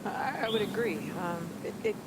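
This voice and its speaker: A man's voice: high voice, normal speed. A man giving conversational analysis as a golf commentator. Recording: loud outdoor ambient noise behind the voice.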